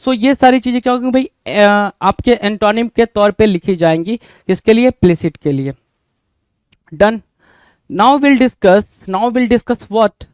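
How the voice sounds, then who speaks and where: With an Indian accent, a man teaches English vocabulary in Hindi, echoing every question back to his students and calling them brother. His voice is high and smooth, his pace slow, and the recording carries no echo.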